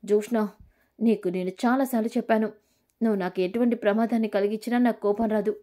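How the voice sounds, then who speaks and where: A woman's voice: medium pitch, steady tone, fast, close to an everyday voice. A woman voicing a fierce young mother, desperate and angry about her kidnapped daughter. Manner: angry shouting, commanding.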